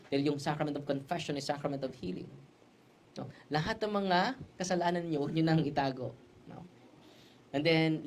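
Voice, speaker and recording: A man's voice: a little high, slight background noise. Male priest giving a sermon, tells it like a story, keeps throwing in little tag questions, faint ambience behind. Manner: mixes Tagalog, Cebuano and English. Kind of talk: preaching a sermon.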